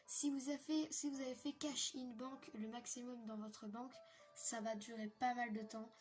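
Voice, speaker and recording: A woman's voice: a little high, steady tone, normal speed, a little mellow, soft background music. A young woman from France walking viewers through a game hack in a casual, hesitant tutorial full of fillers. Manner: chatty, hesitant with many fillers. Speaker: gaming tutorial youtuber. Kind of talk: casual screen-recorded tutorial.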